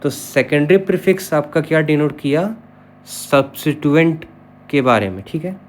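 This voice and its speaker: A man's voice: a little high, lively intonation, moderate pace, a little hiss or hum. A man teaching an online chemistry lesson, who spells terms out letter by letter and keeps checking in with his students. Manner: explanatory, checks in with repeated "okay".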